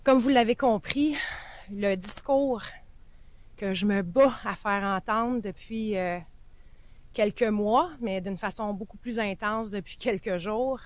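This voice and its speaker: A woman with a Quebec French accent giving a prepared public statement as a veteran's spouse and advocate. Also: medium pitch.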